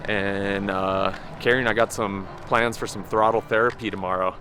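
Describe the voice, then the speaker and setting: A man's voice: lowish voice, fairly even intonation, normal speed, sharp tone, slight background noise. A man giving a casual, self-deprecating recap of a bike race outdoors, a bit out of breath, with lots of fillers. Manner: laid-back, self-deprecating, many fillers. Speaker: pro mountain bike racer, vlog host.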